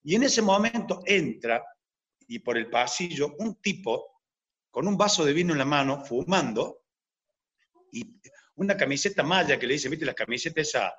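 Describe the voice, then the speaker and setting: A comedian telling a rambling anecdote full of asides. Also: male voice, a little high, animated, moderate pace, fairly bright tone, slightly rough, muffled recording. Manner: rambling storyteller, many asides. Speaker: comedian guest.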